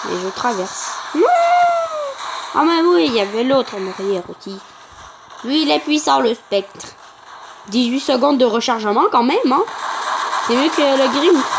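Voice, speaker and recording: A woman giving chatty, excitable gameplay commentary for her channel, talking to viewers and taunting opponents. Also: a little high, vocal fry, noisy background.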